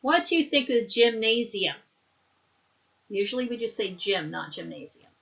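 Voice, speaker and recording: A woman teaching English, leading a slow repeat-after-me drill and patiently explaining words and pronunciation. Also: on the high side, expressive, creaky, a bit bright, dull audio.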